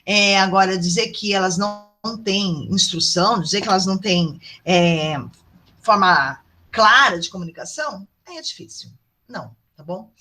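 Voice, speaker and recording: A woman's voice: mid-range voice, normal speed, sharp tone. Brazilian woman lecturer on a video call, chatty and affectionate, keeps checking in with students. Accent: Brazilian Portuguese. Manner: chatty, affectionate, asks the class "tá bom?". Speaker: teacher. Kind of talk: online university lecture.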